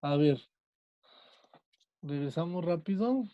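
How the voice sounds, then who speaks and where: A man teaching an online class, patient, slowing down and stretching words as he explains. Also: on the high side, lively intonation, highs cut off.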